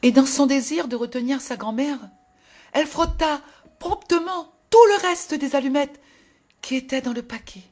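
A woman narrating a fairy tale in a gentle, expressive storytelling voice that drops to a hush at sad moments. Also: sits high, moderate pace. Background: faint music.

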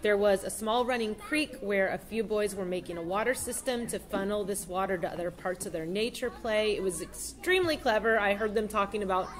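A woman's voice: mid-range voice, brisk, hardly any pauses. Woman narrating a voice-over plainly. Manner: plain, a few "um" and "uh" slips.

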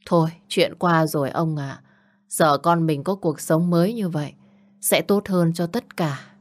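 A woman voicing a gentle, anxious middle-aged mother. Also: sits low, a little slow. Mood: worried.

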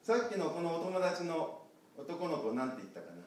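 Animated pastor telling a story. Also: male voice, on the high side, moderate pace, slight background noise. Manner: animated, talks with the children. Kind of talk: picture-card storytelling for children. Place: church sanctuary. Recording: echoey church hall from far off.

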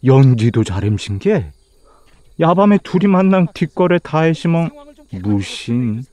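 A middle-aged Jeju villager in a web drama, blunt and confrontational. His voice runs high and swings widely, with a slow delivery. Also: big pitch swings, a little mellow. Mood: suspicious, blunt. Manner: confrontational, exclamatory. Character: blunt, suspicious, hot-tempered village man. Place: outdoors in a grassy field.

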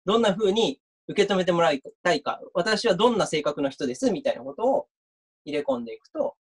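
A man's voice: sits high, lively intonation, brisk, slightly rough. A university lecturer giving an online mock class, chatty and reading out viewer comments as he talks.

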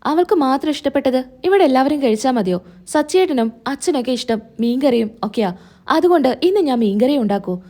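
A woman voicing a gentle young wife who speaks in a soft, pleading, hurt way in a retold serial story. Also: high-pitched, lively intonation, a little fast.

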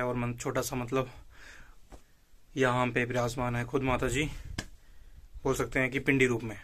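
A young travel vlogger narrates casually both outdoors and inside a small cave, chatting with viewers as if they were friends and exclaiming at what he sees. His voice is medium-pitched and a bit bright.

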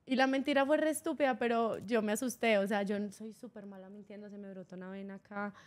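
A woman's voice: mid-range voice, fairly even intonation, fast. A woman from Colombia with a Colombian accent, chatting casually as a guest on a radio show and laughing often as she tells stories. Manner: giggly, laughs often while telling stories. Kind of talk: casual chat. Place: radio studio.

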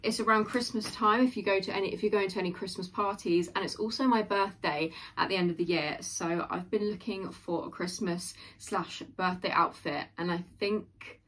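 A woman's voice: mid-range voice, steady tone, moderate pace, few pauses, fairly bright tone. Chatty, gushing young woman. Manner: chatty and gushing, full of likes and ums. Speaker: fashion haul vlogger. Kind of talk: casual try-on haul chat. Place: small bedroom, indoors.

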